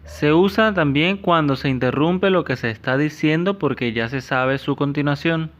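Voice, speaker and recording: A man with an Ecuadorian Spanish accent, a teacher giving a lesson to children, explaining slowly and carefully. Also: on the high side. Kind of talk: classroom lesson. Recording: dull lo-fi sound.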